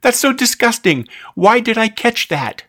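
Guy doing a high-pitched anxious little girl, kinda bossy, dry close sound. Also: very animated, moderate pace, fairly bright tone, dry recording. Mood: disgusted. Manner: anxious, insistent. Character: worried, bossy girl, a kid.

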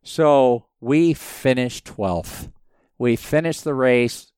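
A man in his fifties, a podcast guest telling stories in a lively, rambling way with many restarts. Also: mid-range voice, extremely slow, clear, resonant tone, dry recording, clean studio sound. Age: 50s. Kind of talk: casual storytelling interview.

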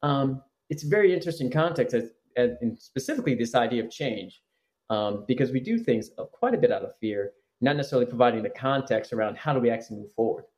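A man's voice: mid-range voice, lively intonation, quick pace, darkish tone. A man who is a psychologist, talking earnestly as a podcast guest and often restarting his phrases. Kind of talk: conversational podcast interview.

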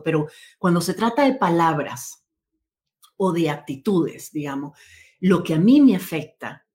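A woman's voice: lowish voice, a little mellow. A woman being interviewed, speaking in an earnest, thoughtful way and often correcting herself mid-sentence. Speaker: interview guest. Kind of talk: conversational interview.

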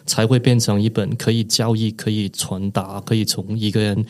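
A man, an author and podcast guest, explaining his ideas thoughtfully with frequent pauses. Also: fairly low pitch, little pitch movement. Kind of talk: podcast interview.

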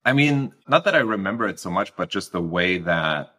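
A man's voice: low voice, lively intonation, moderate pace, bright, forceful tone, slightly rough. A man in his thirties from Germany with a heavy German accent, talking reflectively as an interview guest and often restarting his sentences. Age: 30s. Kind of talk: casual interview talk.

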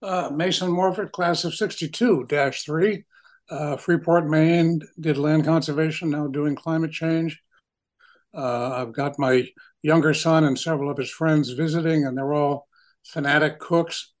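A man in his eighties introducing himself on a group call, relaxed and self-amused. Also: on the high side, a little slow.

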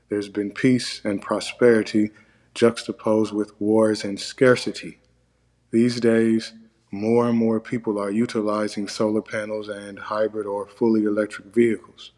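A man hosting a podcast, reading his written essay aloud in a measured, deliberate way. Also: fairly low pitch, darkish tone. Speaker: podcast host; monk. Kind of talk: scripted narration, essay read aloud.

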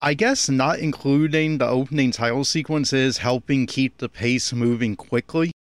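Recording commentary on an anime, an opinionated male critic talks at a normal speed in a medium-pitched voice. There's no room sound; the audio is dry.

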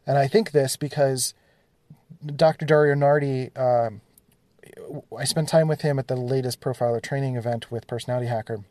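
A man's voice: medium pitch, darkish tone, no room sound. A man hosting a solo podcast, thinking aloud casually with plenty of fillers, recorded on a phone in his studio. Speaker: podcast host.

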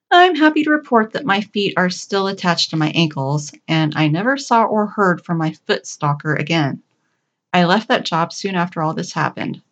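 A woman's voice: on the low side, lo-fi sound. Wry middle-aged woman telling a story. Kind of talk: personal story narration.

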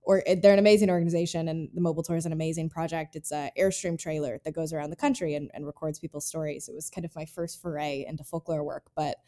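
This podcast host from North Carolina talks fast with hardly any pauses, her low, warm voice keeping fairly even intonation. She shares personal stories earnestly and reflectively in a casual interview chat.

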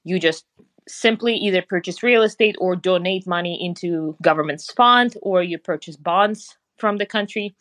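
A woman's voice: lowish voice, normal speed, a bit bright, no room sound. A woman from Russia with a Russian accent, explaining things in a businesslike way as a podcast guest. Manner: explanatory, businesslike, some grammar slips. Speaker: guest, passport business founder. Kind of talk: conversational podcast interview.

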